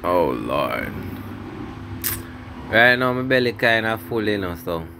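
A middle-aged family vlogger with a Jamaican accent talks casually in patois outside on his home's wooden veranda, holding his phone to record. His fairly low, creaky voice is very animated yet slow, and he often repeats his phrases, with background noise audible.

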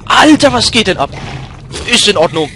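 A young man hosting a let's play, talking in slangy commentary that drops to mumbles and bursts into loud shouts during fights. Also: high voice, very animated, moderate pace, a little hiss or hum.

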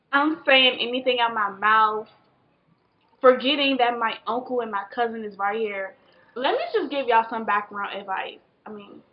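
Casting: American woman, 20s, higher voice, drunk and rambling storytime vlogger, animated, slightly dull camera audio. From Washington, D.C., United States. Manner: tipsy, drunk rambling, losing the thread; animated exclamations and drawn-out words. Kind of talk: casual storytime chat while doing makeup. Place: small bedroom, indoors. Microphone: camera a short distance away.

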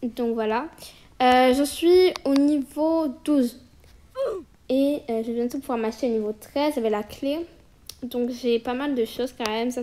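A woman's voice: sits high, slight background noise. Chatty woman giving gameplay commentary. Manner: chatty, bursts into excited exclamations. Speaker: gaming video creator.

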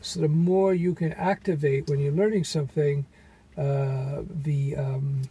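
A man teaching web development in a casual vlog, talking from a car into a phone, his voice weak and hoarse from laryngitis, rambling with many fillers. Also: fairly high pitch, flat delivery, measured pace, mellow, low-quality recording. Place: inside a parked car.

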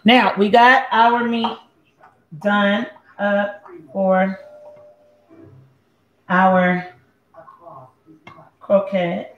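A woman's voice: mid-range voice, flat delivery, very slow, long pauses, muffled recording. A woman from Puerto Rico hosting a casual cooking demonstration at home, chatting while she cooks and chewing between sentences. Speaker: home cook host. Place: home kitchen. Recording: echoey kitchen with faint ambient noise.

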